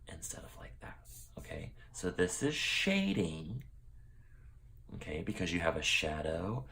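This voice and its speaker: A man teaching a drawing lesson, explaining each step as he works, often checking in with "okay?" and dropping to a low mutter while he concentrates. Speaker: art teacher.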